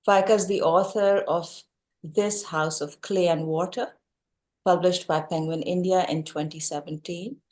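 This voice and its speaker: A woman's voice: on the low side, a little mellow. A woman with a Pakistani accent, hosting an interview show and introducing her guest. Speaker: talk show host.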